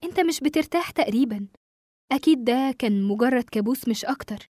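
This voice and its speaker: A woman voicing a gentle, worried young wife who tries to calm her husband, with an Egyptian accent. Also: on the high side, fast, no echo, studio quality. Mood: concerned. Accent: Egyptian Arabic. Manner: soft, soothing and concerned.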